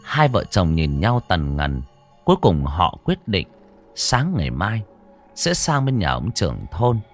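A man with a deep voice tells a ghost story, his pitch swinging widely as he builds suspense. His delivery is dramatic and scripted, with faint music playing under him. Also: a little slow. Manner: animated, rising and falling for suspense.

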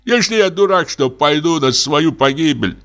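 A man's voice: medium pitch, animated, measured pace, pushed and bright, pitched above the performer's own voice. A man reading an audiobook voices a timid, pious old male forester who whines and sighs in fright. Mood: frightened whining. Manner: whining, sighing, fearful.

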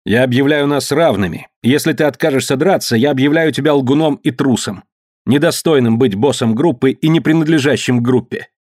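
A man voicing a fierce young male savage who shouts commands and challenges the group's leader. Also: medium pitch, a little fast, dry recording, clean studio sound, voice pushed up, natural voice. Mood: accusing.

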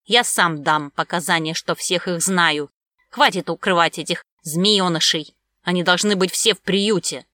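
A woman's voice: fairly low pitch, a little slow, sharp tone, no echo. A woman voicing a spiteful, gloating middle-aged informer who sneers and accuses in an audiobook. The recording is dry. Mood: angry. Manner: angry, sneering.

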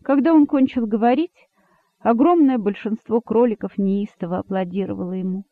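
A man's voice: sits high, normal speed, no echo. A man narrating a storybook expressively, on a dry, phone-like recording. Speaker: audiobook narrator. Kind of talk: scripted narration. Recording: dry, phone-like narrow sound.

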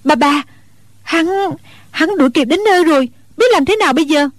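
A woman's voice: high-pitched, expressive, moderate pace, no room sound, clean studio sound, voice pushed up. A woman voicing a frightened young girl who stammers anxiously in a storybook reading.

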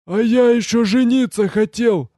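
A man doing a high, whimpering wounded young soldier. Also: unhurried, mellow, no echo, clean studio sound. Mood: plaintive. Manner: high strained whimpering pleas. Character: young wounded male soldier, frightened and tearful. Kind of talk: audiobook character voice.

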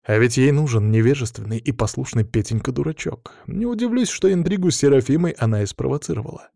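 A man's voice: mid-range voice, gravelly, warm tone, dry recording, studio quality. A man reading a first-person audiobook aloud, with coarse, sardonic storytelling. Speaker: audiobook narrator.

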